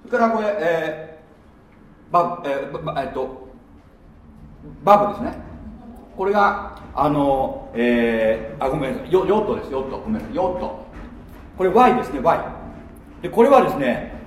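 Animated man teaching in an echoey room. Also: a little high, moderate pace, pauses often, distant mic, a little hiss or hum. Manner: animated, chatty, many fillers and asides. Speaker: pastor teaching a church gathering. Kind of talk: casual sermon teaching from a whiteboard. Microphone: no microphone, speaking in natural voice.

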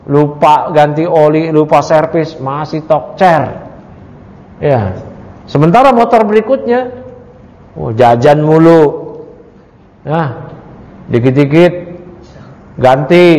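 A male Islamic religious teacher leads a study-circle lesson on a creed text, reading Arabic lines and explaining them in casual, joking chat while quizzing his listeners. His voice is fairly high and a little mellow, with long hall reverb.

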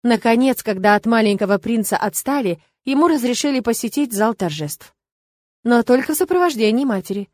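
A woman narrating an audiobook in an even storytelling manner. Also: fairly high pitch, fairly quick, dry recording. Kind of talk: scripted narration.

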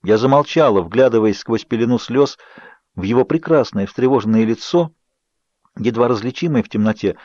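A man's voice: medium pitch, normal speed, darkish tone, dry recording. Man reading an audiobook, dry sound. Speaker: audiobook reader. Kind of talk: scripted narration. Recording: dull, dry studio audio.

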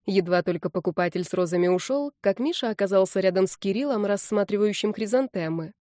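A woman narrating a first-person novel with lively expression. Her voice is warm and mellow, recorded dry and close with no room around it. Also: medium pitch, quick pace, dry recording. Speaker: audiobook narrator.

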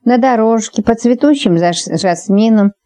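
A woman narrating an audiobook, reading lively and shifting her pitch to voice each character. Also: a little slow.

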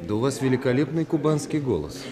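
An earnest young man from a newspaper, played by an actor, speaking politely and a little hesitantly. His voice sits in a middle range. A clear crowd murmurs behind him on an old film soundtrack. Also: mid-range voice, expressive, fast talker, lightly acted. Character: young male newspaper worker, earnest and shy. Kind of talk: film drama dialogue.

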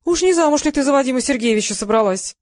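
A woman reading the lines of a sharp, scornful female press secretary in an audiobook. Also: high voice, expressive, quick pace, no room sound, studio quality, voice pushed up. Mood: mocking. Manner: sarcastic and scornful.

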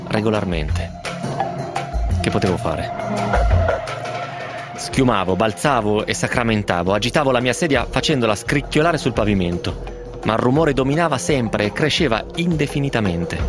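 Male radio host, lively dramatic reading over strong music bed. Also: fairly low pitch. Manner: intense, building, expressive delivery. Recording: music playing under the voice.

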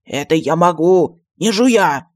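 A pompous old genie and royal stargazer, voiced by a man, fussy and easily offended. He swings between grumbling and grand declarations in a fairly high voice. A storybook figure with an odd, unusual timbre. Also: a little mellow, lightly acted. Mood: indignant. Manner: grandiose and touchy, flares up fast. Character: pompous excitable old male genie astrologer.

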